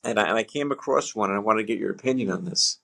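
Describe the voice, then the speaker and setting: A man co-hosting a casual podcast chat, talking in halting bursts with many fillers and restarts, laughing as he tells a story. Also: fairly low pitch, gravelly, bright, forceful tone. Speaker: podcast co-host.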